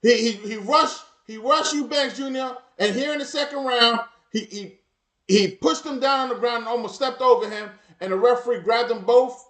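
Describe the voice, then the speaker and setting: A man's voice: very high voice, moderate pace, a bit bright, reverberant. A man hosting a live boxing watch party, commentating emphatically and repeating his phrases over and over.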